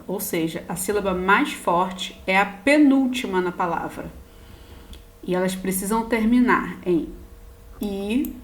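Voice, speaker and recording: A woman's voice: mid-range voice, fairly bright tone. A woman teacher with a Brazilian Portuguese accent gives a recorded lesson, patiently spelling out word endings one at a time. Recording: roomy echo.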